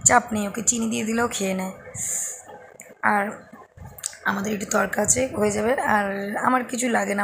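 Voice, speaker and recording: A woman with a hoarse voice, chatting casually to her viewers as she narrates her morning in her home kitchen. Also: mid-range voice, slight background noise, rough recording. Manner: chatty, addresses viewers directly. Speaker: vlogger, mother.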